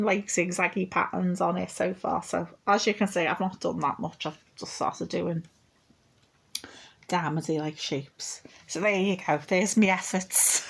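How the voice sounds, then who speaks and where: A middle-aged woman, chatting casually and rambling in her vlog. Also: mid-range voice. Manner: chatty, rambling, with frequent laughs and fillers. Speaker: vlogger.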